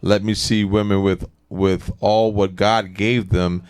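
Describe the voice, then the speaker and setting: A man's voice: fairly low pitch, flat delivery, slow, a little mellow, clean tone, no room sound, studio quality. A man co-hosting morning radio in a casual, agreeable style, dropping in short affirmations. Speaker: radio show co-host.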